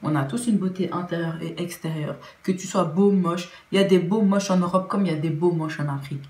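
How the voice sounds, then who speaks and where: In a casual vlog, a young woman from Belgium shares her opinions earnestly in Belgian-accented French, with frequent restarts and fillers. She speaks briskly at a fairly low pitch with a darkish tone, and the room adds noticeable echo.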